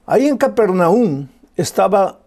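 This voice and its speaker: Impassioned preaching man, fairly high voice. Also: big pitch swings, a little slow, mellow. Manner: impassioned preaching with rhetorical questions and repetition. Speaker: pastor. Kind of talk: sermon.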